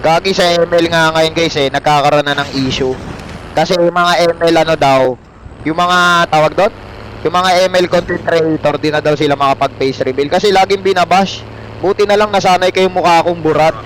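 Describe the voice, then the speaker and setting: A young Filipino man with a light, high voice, chatting and joking with his viewers while he plays a game. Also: steady tone, a little fast, a bit bright, a little hiss or hum. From Philippines. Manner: joking, self-mocking banter with chat. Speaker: game streamer. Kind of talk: casual live-stream chat while playing.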